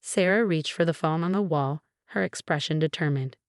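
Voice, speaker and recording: A woman narrates a first-person story in a steady, even read. Her voice sits low, and the recording is dry and close, with no room sound. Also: normal speed, dry recording.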